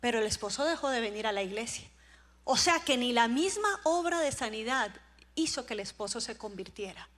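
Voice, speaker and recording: A woman with a Costa Rican accent preaching a sermon, telling stories with lively swings from hushed to loud. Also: a little high, a little fast. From Costa Rica. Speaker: conference speaker. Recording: long hall reverb.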